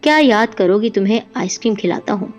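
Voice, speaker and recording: A woman's voice: mid-range voice, natural voice. Woman voicing a worried young husband. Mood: uneasy. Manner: calm, soothing. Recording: dull lo-fi with music behind.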